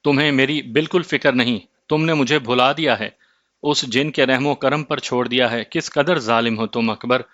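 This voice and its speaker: A man's voice: mid-range voice, fairly bright tone, no echo, dull audio, lightly acted. A man voicing a captive young wife. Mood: anguished. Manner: distressed, reproachful. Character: young wife held captive by a jinn, pleading.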